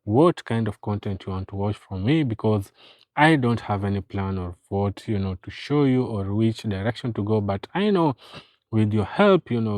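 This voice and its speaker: Man, Kenyan accent, twenties, phone vlog, earnest, lowish voice, dry sound, says "you know" a lot. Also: a little mellow, dry recording. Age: 20s. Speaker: vlogger. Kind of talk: casual vlog to camera.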